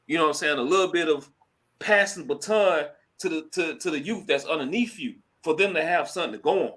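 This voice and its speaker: A man hosting a casual live stream, talking in a slangy, chatty way and giving shout-outs. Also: fairly high pitch, quick pace. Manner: slangy and chatty, full of "you know what I'm saying" and shout-outs. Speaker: host of a crypto live stream. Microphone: computer mic at a laptop.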